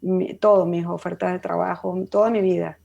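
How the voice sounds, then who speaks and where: A woman in her fifties with a Venezuelan accent, a psychologist speaking as an interview guest in a warm, heartfelt way. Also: lowish voice, little pitch movement, moderate pace, gravelly, muffled recording. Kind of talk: interview conversation.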